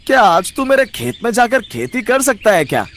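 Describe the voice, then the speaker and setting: A man voicing a sly, scheming older brother in a cartoon story, loud and cajoling. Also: very high-pitched, sing-song, moderate pace, slight background noise, pitched above the performer's own voice, heavily acted. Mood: coaxing. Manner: loud, cajoling, chuckling slyly. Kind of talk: cartoon voice acting.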